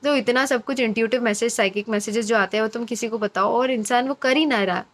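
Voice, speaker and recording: A woman's voice: fairly high pitch, quick pace. A woman giving a casual, encouraging intuitive reading to her viewers, chatty and repeating phrases for emphasis. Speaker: intuitive card reader.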